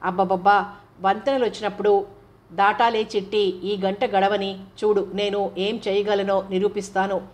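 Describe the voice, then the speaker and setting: A woman's voice: medium pitch, level tone, normal speed, close to an everyday voice. A woman voicing a playful young man who coaxes his elder sister in an audiobook novel. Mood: coaxing.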